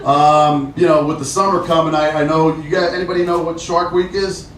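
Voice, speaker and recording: Brash middle-aged comic working the room, pitched high, heard from afar in an echoey club. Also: male voice, level tone, a little fast, noisy background. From Jersey Shore, USA. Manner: brash, profane, chatty with the audience. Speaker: stand-up comedian. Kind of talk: stand-up set with crowd work. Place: comedy club stage. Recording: roomy live club audio from a distant mic. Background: laughing crowd.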